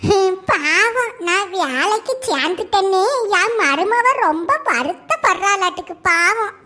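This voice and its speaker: A woman's voice: very high-pitched, animated, a little slow, sharp tone, heavily acted. A woman voicing a feisty old grandmother in a cartoon, who scolds her daughter-in-law indignantly. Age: older.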